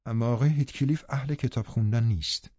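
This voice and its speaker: A man's voice: mid-range voice, warm tone, slightly rough, dry recording, highs cut off, natural voice. A man reading a bored, lonely young woman. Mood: plaintive.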